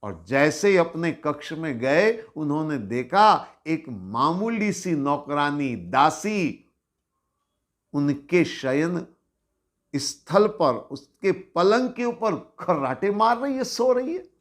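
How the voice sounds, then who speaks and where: A man telling a moral story in a religious discourse, slow and expressive with dramatic rises. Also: fairly high pitch. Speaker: spiritual storyteller.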